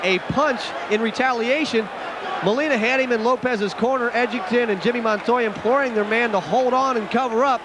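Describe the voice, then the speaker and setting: A male fight announcer delivers live play-by-play from ringside in a punchy, dramatic way. His voice sits high, and the arena crowd is loud and noisy all around him. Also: fairly quick. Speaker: boxing play-by-play commentator. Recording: loud crowd noise behind the voice.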